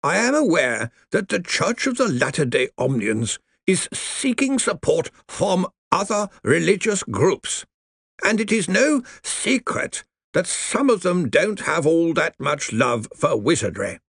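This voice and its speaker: A man voicing a dead, grave zombie lawyer who talks slowly and crackles. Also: a little high, very animated, gravelly, fairly bright tone, slightly rough, dry recording, clean studio sound, pitched above the performer's own voice, full character voice. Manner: slow, measured, crackly.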